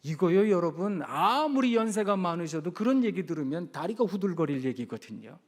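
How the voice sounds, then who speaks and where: Middle-aged man, pastor, sermon, animated storytelling, swooping intonation, church sanctuary with long reverb. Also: sits high, normal speed. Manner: animated storytelling with acted quotes.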